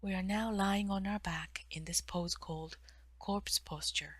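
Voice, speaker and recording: A woman guides a mindful stretching meditation as a meditation guide and therapist, using gentle, measured instructions in a soft, breathy voice. She pauses frequently and lets phrases drift toward a whisper. Her mid-range voice stays steady, and the recording is dry.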